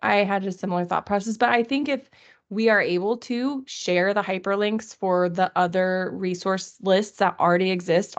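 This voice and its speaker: A woman's voice: medium pitch, gravelly. A woman chatting casually at a city committee meeting, presenting a resource list in a chatty, self-deprecating way. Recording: dull lo-fi meeting recording.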